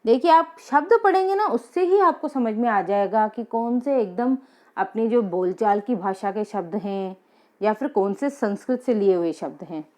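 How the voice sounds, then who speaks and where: A woman teacher leading an exam-prep lesson, reading out each question and its options slowly, then giving and explaining the answers. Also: fairly high pitch, expressive, mellow.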